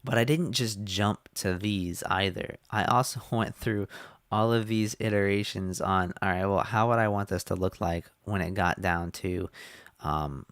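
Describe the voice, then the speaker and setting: A man explaining his website design in a casual screen-share walkthrough, relaxed with fillers, a little hoarse as he is losing his voice. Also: deep voice, unhurried, no room sound, clean studio sound. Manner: relaxed, many fillers and restarts.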